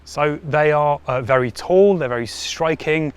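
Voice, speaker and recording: A man guiding a tour of a castle ruin outdoors, telling its history in a lively storytelling way with wry asides. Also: a little high, a little slow, clean tone. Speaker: heritage site guide. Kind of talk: explaining history on a site tour.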